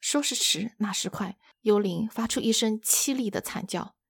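A woman retells a book chapter in steady storytelling. Her voice is husky with gravelly fry, close and dry to the mic. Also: medium pitch, normal speed, no echo. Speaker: book-sharing host.

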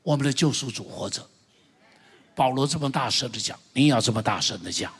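Male pastor, middle-aged, fervent sermon style with loud calls to the congregation; raspy timbre, long hall echo. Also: medium pitch, lively intonation, fairly quick. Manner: fervent preaching with loud exclamations, urging the congregation to repeat. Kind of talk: impassioned sermon. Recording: long church-hall reverb.

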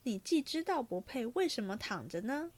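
A woman reading aloud and voicing a moody, indulgent young nobleman in her own fast, fretful voice. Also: on the high side, sing-song, a little mellow.

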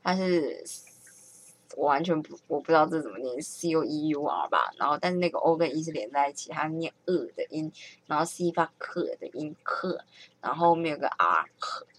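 A woman's voice: low voice, sing-song, normal speed. A woman chatting casually as she thinks aloud, often correcting herself and laughing at her own mistakes. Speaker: vlogger learning French.

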